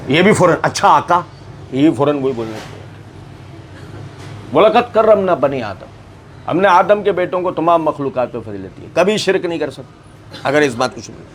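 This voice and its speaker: A male preacher giving a sermon on scripture, firing rhetorical questions at his listeners and acting out the voices he quotes. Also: high voice. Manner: lively, acts out quoted voices. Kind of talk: Quran commentary sermon.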